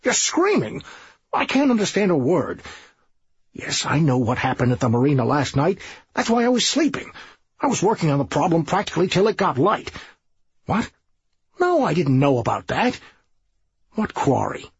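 A man's voice: a little high, very animated, slightly rough, no room sound, dull audio, pitched above the performer's own voice, exaggerated voice. A man voicing a scheming, bossy middle-aged police sergeant who waves off every worry. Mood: impatient. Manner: brisk, bossy, dismissive.

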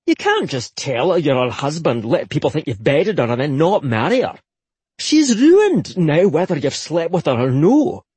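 A man's voice: a little high, very animated, moderate pace, darkish tone, breathy edge, no room sound. A man voicing a blunt, insistent kinsman. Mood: stern.

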